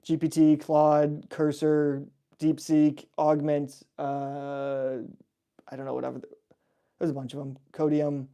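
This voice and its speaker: A man's voice: on the high side, completely flat delivery, a little slow, dark tone, clear, resonant tone. A young man hosting a casual livestream Q&A, reading out viewer questions and answering them in a chatty, laid-back way with frequent fillers and laughs. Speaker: host answering viewer chat.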